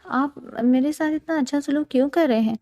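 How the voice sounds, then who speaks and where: A woman's voice: high-pitched, mellow, voice pushed up, natural voice. A woman voicing a tearful, frightened young bride. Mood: hesitant. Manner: tearful, hesitant.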